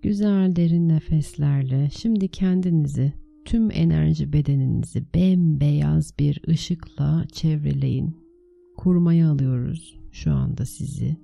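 Female meditation guide: lowish, very mellow voice, soothing and unhurried, gentle instructions with spacious pauses. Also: gravelly. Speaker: meditation teacher leading a guided meditation.

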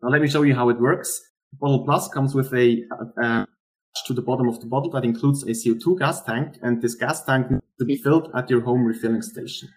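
A man presents as a startup founder in a rehearsed investor pitch style, explaining earnestly with some halting pauses. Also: steady tone, rough recording.

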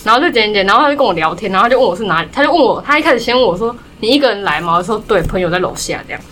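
A young woman from Taiwan chatting casually, telling stories in quick run-on clauses. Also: mid-range voice, animated, a bit bright, a little hiss or hum. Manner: rapid storytelling, strings clauses with "然后". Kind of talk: casual chat.

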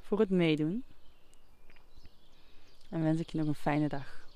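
A yoga instructor guiding movement and relaxation in a calm, soothing, unhurried manner. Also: medium pitch.

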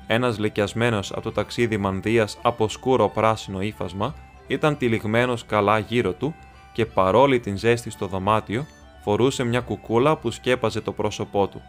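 A man narrating a novel as an audiobook reader, in a steady, even reading. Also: on the low side, soft background music.

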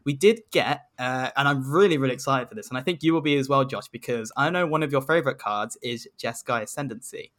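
A man's voice: mid-range voice, fast talker, few pauses, fairly bright tone. A man hosting a casual card-game podcast, chatty and laughing often. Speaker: podcast host. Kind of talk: casual chat.

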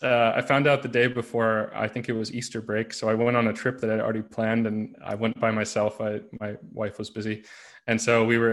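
A man from the United States, a podcast guest, telling his story in a relaxed, rambling way. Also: lowish voice. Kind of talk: casual interview conversation.

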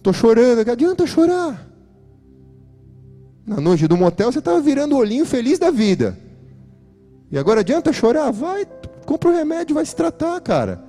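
A Brazilian man delivers a fiery sermon from the pulpit, his voice pitched high and leaping up and down with each emphatic point. He speaks straight to the congregation in a preachy, insistent way. Soft music plays faintly underneath. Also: wildly swooping pitch, moderate pace, long pauses. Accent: Brazilian Portuguese. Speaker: pastor.

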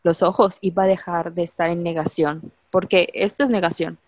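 A woman's voice: on the low side, steady tone, normal speed. A young woman, co-hosting a podcast and speaking earnestly and directly to listeners. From Mérida, Yucatán, Mexico. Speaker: podcast co-host. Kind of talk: casual podcast chat.

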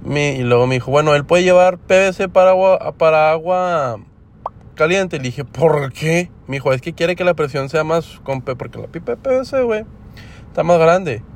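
A man's voice: a little high, lively intonation, moderate pace. A young man with a Mexican accent talking casually for his podcast, rambling with lots of slang and fillers. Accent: Mexican Spanish. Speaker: podcast host. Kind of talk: casual everyday monologue. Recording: faint background noise.

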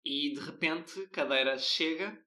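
A man's voice: on the high side, measured pace, bright, forceful tone. A young man with a European Portuguese accent, teasing his friend playfully in casual chat. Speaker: co-host.

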